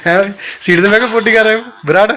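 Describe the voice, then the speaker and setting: A young man with a fairly high voice runs a casual family vlog. He talks to his little ones in a doting, coaxing tone and keeps asking whether they agree. A faint hiss sits under the voice. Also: fairly even intonation, fast talker, sharp tone. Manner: coaxing, doting talk to his children, often checking "okay?". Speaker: father and family vlogger.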